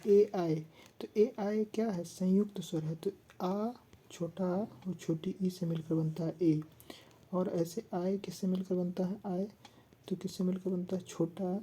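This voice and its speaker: A woman teaching an exam-prep class, who asks the class questions, answers them herself and slowly chants rules for them to repeat. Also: lowish voice, dark tone, breathy edge.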